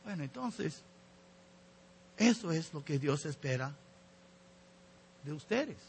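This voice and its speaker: A man preaches a sermon to his congregation, earnest and exhorting as he turns to his listeners. His voice sits high with a gravelly fry. The tone is bright but husky. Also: very animated, slow. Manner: earnest, exhorting, addresses listeners directly as brothers. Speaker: pastor.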